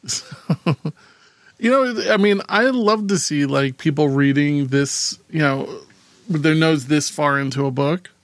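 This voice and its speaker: Man, highish creaky voice, casual rambling co-host chat, joking, faint music behind. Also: unhurried, dry recording. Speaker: co-host of a TV rewatch show.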